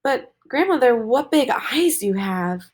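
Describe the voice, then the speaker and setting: Teacher lady doing a sweet chatty little girl, high and bright. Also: very animated, a little slow. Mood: wondering.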